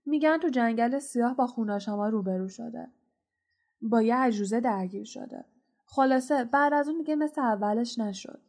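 A woman's voice: fairly high pitch, darkish tone. A woman reading a storybook, voicing a big friendly male groundskeeper who talks in a hearty, chatty way.

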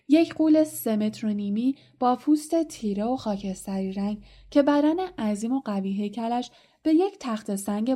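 Mellow woman reading an audiobook. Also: medium pitch. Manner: expressive storytelling, dropping to a hush in tense moments. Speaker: audiobook reader. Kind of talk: audiobook narration.

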